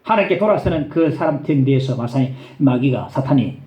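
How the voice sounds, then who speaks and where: A male pastor with a Gyeongsang accent, preaching a sermon in church and telling stories with animated emphasis. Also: mid-range voice, fairly quick, roomy sound. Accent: Gyeongsang Korean.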